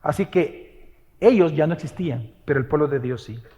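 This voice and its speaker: A man's voice: a little high, moderate pace, dark tone, long reverb tail. A male pastor preaching a sermon in a church, questioning the congregation and driving his points home with emphasis. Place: church sanctuary.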